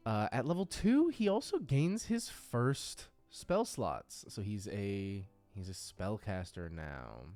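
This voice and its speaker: On the low side with big pitch swings, this man takes his time and rarely pauses, his voice a little mellow against faint music. He created and runs a tabletop RPG audio drama, and here he offers unscripted, casual commentary while working through character sheets, sometimes murmuring small nonsense sounds.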